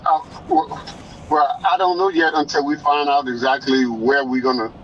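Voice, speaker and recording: A man speaking as a homeowner on a three-way phone call, halting and stammering over his words. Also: on the high side, steady tone. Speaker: homeowner facing foreclosure. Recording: dull phone line, faint noise.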